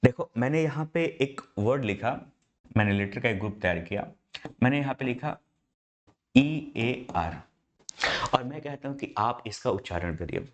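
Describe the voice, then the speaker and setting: A man's voice: medium pitch, lively intonation, fairly quick. A man teaching English grammar in Hindi, explaining step by step and calling his students "my brother". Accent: Indian English. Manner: asks students rhetorical questions. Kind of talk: online class lecture in Hindi.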